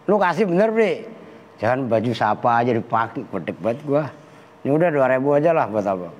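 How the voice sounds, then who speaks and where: This kyai's voice is mid-range, very animated and brisk, with a slightly mellow quality. He teaches Arabic grammar in a Betawi Jakarta Malay accent, slangy and teasing, bantering with his students. The sound echoes through a reverberant hall over faint background noise.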